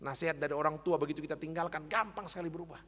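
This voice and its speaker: A man preaching a sermon as pastor, earnest and exhortative, sometimes dropping to soft asides. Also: on the high side, fairly even intonation, racing. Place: church. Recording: echoey church hall.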